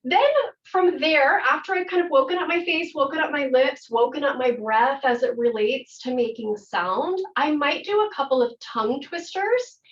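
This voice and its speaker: A woman theater instructor leading an interactive workshop, calm and guiding, slowing down for visualization. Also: high voice. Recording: muffled audio from far off.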